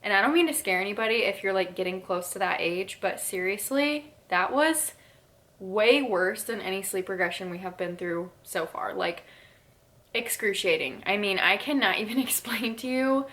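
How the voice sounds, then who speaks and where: A woman's voice: medium pitch, animated, moderate pace, fairly bright tone. A woman in her twenties talking casually to her viewers in a vlog, a bit out of breath, chatty and full of fillers. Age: 20s. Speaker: YouTuber.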